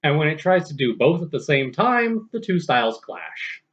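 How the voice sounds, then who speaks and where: A man's voice: a little high, sing-song, moderate pace, fairly bright tone. Wry man co-hosting a film review. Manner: dry, wry remarks. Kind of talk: casual review chat. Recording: dull lo-fi recording.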